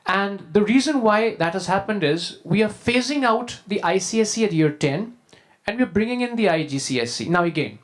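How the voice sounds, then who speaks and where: A man with an Indian accent giving a prepared talk as a school leader, in a formal, measured and emphatic way. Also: sits high, expressive. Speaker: school deputy head, conference speaker. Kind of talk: prepared presentation to an audience.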